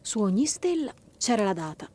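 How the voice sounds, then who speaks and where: Lively woman reading a children's story. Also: mid-range voice, normal speed. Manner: warm, lively, expressive.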